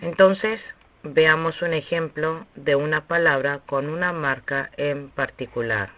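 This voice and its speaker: A man teaching a recorded lesson on Hebrew pronunciation, speaking slowly and deliberately with long pauses. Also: fairly high pitch, no room sound. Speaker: Bible language teacher. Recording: dull, dry lo-fi recording.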